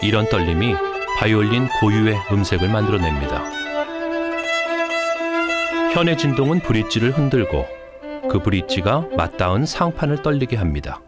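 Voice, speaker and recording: A man giving calm, explanatory scripted documentary narration as a voice-over. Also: fairly low pitch, moderate pace, pauses often. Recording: voice-over with loud music behind.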